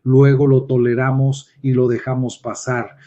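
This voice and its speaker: A man's voice: medium pitch, flat delivery, a little slow, warm tone, highs cut off. A man teaching a reflective spoken lesson, speaking directly to the listener in a musing way. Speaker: lecturer.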